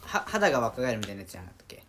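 Bright, animated young man chatting. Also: medium pitch, very fast, faint music behind. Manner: easygoing, agreeable backchannel. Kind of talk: casual chat among friends.

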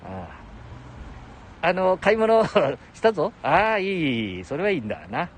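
With a slightly high, sing-song voice and an unhurried delivery, a Nagoya-dialect speaker in his seventies chats alone on his livestream. He chuckles a lot and drifts into talking to himself. Slight background noise can be heard.

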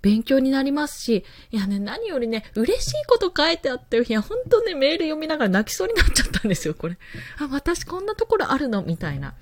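A woman's voice: high voice, quick pace, no echo. Young woman rambling on a live stream, laughs a lot, voice jumps all over, dry mic. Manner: chatty, laughs often, animated. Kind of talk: casual live-stream chat. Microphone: handheld mic, moved around.

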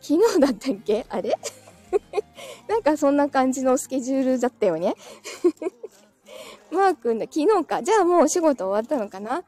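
A woman's voice: high-pitched, dark tone. A woman hosting a casual livestream, chatting with listeners, reading their comments aloud and laughing often.

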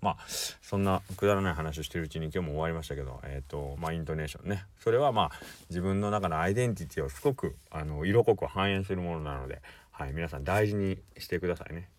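A man's voice: low-pitched, fast talker, hardly any pauses. A man from Kagawa with a Sanuki accent, chatting casually and rambling on a solo podcast as a shop owner, playfully repeating words. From Kagawa, Japan.

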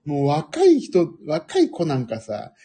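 A middle-aged man with a husky voice hosting a casual, rambling audio stream in a self-deprecating manner. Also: fairly high pitch, huge pitch swings, measured pace, mellow. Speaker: audio livestream host.

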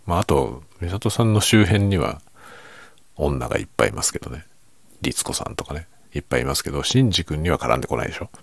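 A man chatting casually and quietly by himself late at night, musing and giving his opinions in a low-key way with softened sentence endings. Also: lively intonation, fast, creaky, husky, dry recording. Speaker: writer chatting as host.

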